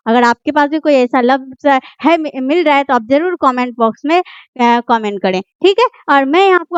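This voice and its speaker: At a board, a woman explains a grammar lesson, repeatedly posing questions to the class and then answering them herself. She has a high voice, and the dry recording has its highs cut off.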